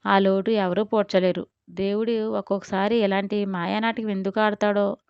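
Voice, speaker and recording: Storybook mother figure read by a woman: soft, soothing, smooth tone, slightly muffled. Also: mid-range voice, level tone, moderate pace, dry recording, lightly acted. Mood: tender. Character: tender motherly middle-aged woman.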